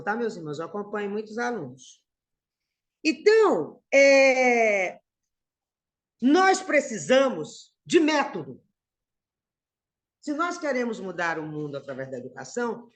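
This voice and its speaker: A middle-aged Brazilian woman gives a conversational spiritist lecture, addressing her listeners as brothers and sisters. Her voice is a little high.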